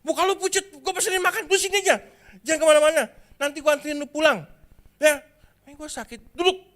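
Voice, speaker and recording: Preacher voicing a loud, overeager student, high and bossy. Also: male voice, quick pace. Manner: loud, overeager, bossing his friend around. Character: loud, excitable young male student friend.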